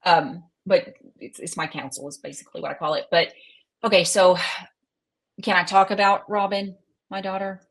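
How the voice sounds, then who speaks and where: A middle-aged woman, telling her personal story as an interview guest in a folksy, candid, halting, self-deprecating way. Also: lowish voice, steady tone. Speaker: interview guest, psychic medium and minister.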